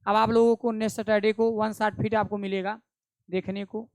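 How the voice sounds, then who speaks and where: A man's voice: sits high, flat delivery, normal speed, a little mellow, smooth, dry recording. A man teaching Hindi poetry, explaining each verse line by line and asking rhetorical questions.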